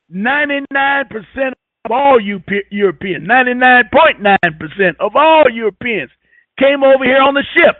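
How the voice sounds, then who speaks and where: High-voiced man preaching over a phone line. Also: no echo. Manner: preachy and scornful, hammering points by repetition. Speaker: radio show host. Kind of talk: emphatic talk radio lecture. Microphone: telephone.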